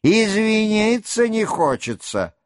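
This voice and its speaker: A man's voice: sits high, very animated, slow pace, dry recording, studio quality, voice pushed up, heavily acted. An adult man reading a book aloud and voicing an older, stern male cavalry staff-captain who reproaches a young officer bluntly. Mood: reproachful. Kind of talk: audiobook character reading.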